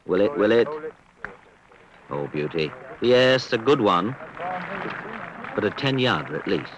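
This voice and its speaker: A man giving measured, understated golf commentary on a 1970s archive sports broadcast. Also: low voice, big pitch swings, lo-fi sound, very noisy. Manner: understated, measured descriptions with appreciative exclamations.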